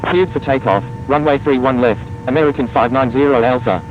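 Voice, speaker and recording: A man speaking as a pilot on a cockpit headset, reading back clearances in clipped, procedural radio phraseology. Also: fairly quick, over music. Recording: muffled radio with loud engine rumble.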